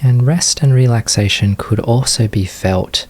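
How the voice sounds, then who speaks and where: A man with a medium-pitched voice leads a guided meditation as a teacher. His unscripted instructions are gentle, delivered in short phrases separated by long pauses.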